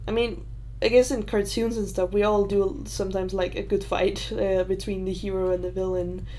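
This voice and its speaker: The young Danish woman, accent clearly from Denmark, fields livestream Q&A questions in a hesitant, filler-heavy, rambling manner. Her voice is mid-range and warm, with a level tone at a normal speed.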